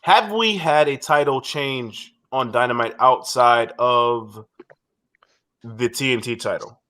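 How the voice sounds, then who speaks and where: Slow, bright, and forceful, this mid-range male voice belongs to a co-host of a laid-back wrestling recap podcast. His opinions come out rambling, full of restarts and swearing.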